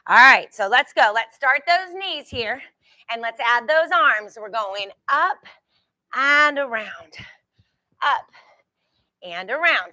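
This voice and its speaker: A woman's voice: fairly high pitch, sharp tone, dry recording. A woman leading a group exercise class as instructor, encouraging and reassuring, giving short repeated cues and countdowns. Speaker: fitness instructor.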